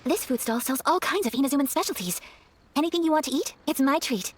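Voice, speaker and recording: A woman voicing a gracious young noblewoman in a video game, speaking politely and gently with formal, earnest phrasing. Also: high voice, lively intonation, fast, slight background noise. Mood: polite, pleased.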